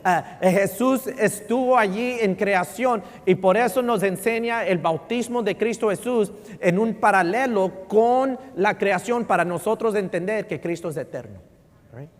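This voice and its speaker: A male pastor preaching a sermon in a church, mixing Spanish with English and often checking in with "right?", shifting between loud emphasis and near-murmurs. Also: sits high, a little slow. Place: church sanctuary. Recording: long reverb in a large hall.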